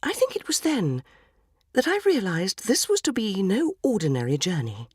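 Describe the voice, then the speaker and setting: In a clean, echo-free studio recording, a woman reads a dramatic first-person short story as a prim, tearful, naive 1940s English housewife, genteel, wistful and earnest, with an English accent. Her mid-range voice is very animated, moderately paced, a little mellow and slightly rough.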